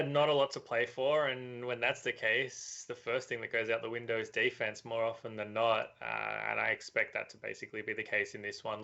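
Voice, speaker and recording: A man talking as a sports betting analyst, giving a measured, analytical preview with frequent fillers. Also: mid-range voice, vocal fry, sharp tone. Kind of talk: casual betting preview chat. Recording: dull lo-fi audio.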